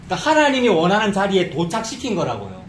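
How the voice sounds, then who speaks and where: A man's voice: high voice, huge pitch swings, fast talker, roomy sound, slight background noise. A man preaching a sermon as pastor, in a conversational style. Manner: conversational preaching, acts out quoted voices. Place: church sanctuary.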